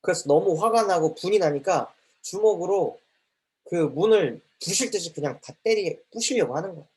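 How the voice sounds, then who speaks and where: Lively, emphatic male preacher. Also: high-pitched, normal speed. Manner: emphatic, rising and falling preaching with repeated phrases. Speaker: preacher for children's ministry. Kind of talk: sermon.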